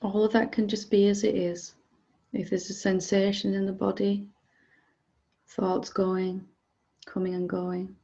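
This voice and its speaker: In a mid-range voice, a female meditation teacher calmly guides listeners, her soft instructions separated by leisurely pauses. The recording has its high frequencies cut off.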